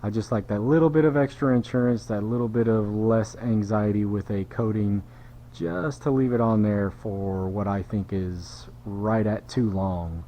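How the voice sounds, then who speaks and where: A man's voice: fairly low pitch, moderate pace, warm tone, slight background noise. A middle-aged man, casually narrating his car detailing work in a shop, joking with viewers and a little out of breath. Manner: chatty, self-deprecating, jokey asides to viewers. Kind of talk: casual how-to narration while working.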